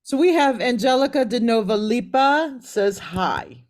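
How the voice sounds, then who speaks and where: A woman's voice: a little high, animated, measured pace, a little mellow. A woman hosting a podcast, chatting casually and asking her guest curious questions. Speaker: podcast host. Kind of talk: casual interview chat.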